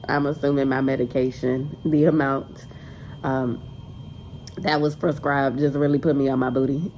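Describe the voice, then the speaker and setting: This vlogger, a woman in her twenties stuffed up with a cold, talks casually to the camera from her car while heading out on errands, chatty and rambling with plenty of "y'all." Her pitch is extremely low and her tone dark. The recording is low quality, with slight background noise.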